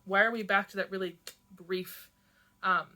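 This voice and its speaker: A woman teacher reads a novel aloud to her class and pauses to give note-taking questions. Her voice is bright and clear. She speaks briskly and conversationally. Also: mid-range voice, steady tone. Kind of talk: reading a novel aloud with study prompts.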